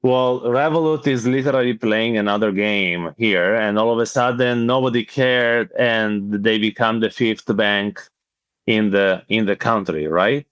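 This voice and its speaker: A man with an Italian accent hosting a casual podcast interview, speaking haltingly with many fillers. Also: fairly low pitch, a bit bright, smooth, no room sound, muffled recording. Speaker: podcast host.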